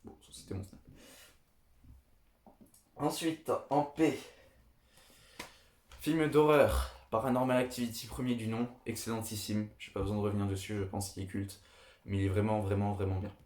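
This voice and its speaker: A young man with a lowish voice talks through his favourite films in a casual, eager monologue. He repeats himself often and gushes about what he likes. His voice rings in an echoey room. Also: fairly even intonation, normal speed, pauses often, darkish tone, slight background noise. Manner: enthusiastic, repetitive, chatty. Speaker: video host. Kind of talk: casual film review monologue.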